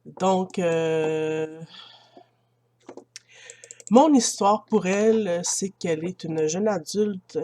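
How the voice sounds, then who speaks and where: Extremely slow with long pauses, this mellow, fairly low female voice belongs to a Quebec-accented gamer. She chats casually over her game into a built-in computer mic, addressing viewers as friends and laughing easily.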